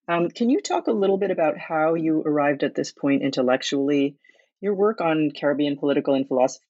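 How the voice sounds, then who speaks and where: Breathy-voiced female podcast host. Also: low-pitched, darkish tone, dull audio. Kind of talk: podcast interview.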